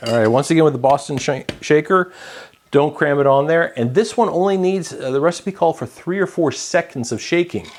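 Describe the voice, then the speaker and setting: A man hosting his own cocktail vlog, explaining a drink step by step in a relaxed, chatty way with many fillers. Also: fairly high pitch, a little fast. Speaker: home bartender host. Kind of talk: casual cocktail-making vlog.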